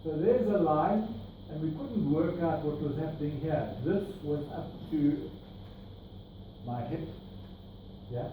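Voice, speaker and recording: A middle-aged South African man presents slides to a workshop group in a meeting room with a projector screen, pointing out details as he explains. His voice is a little high and slow, with long pauses, and sounds narrow and tinny. A far camera with no mic captures him, so the audio is distant, echoey and noisy.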